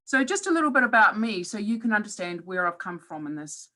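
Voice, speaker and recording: A woman in her forties, a professor with a New Zealand accent, gives a reflective webinar presentation. Her medium-pitched voice is bright and forceful, brisk with big pitch swings, and she occasionally hesitates with fillers.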